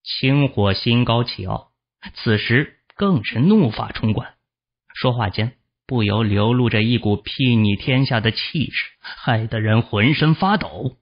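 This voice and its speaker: A man narrating a fantasy novel as an audiobook, with expressive storytelling, in a dull lo-fi recording. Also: mid-range voice, a little slow, slightly rough.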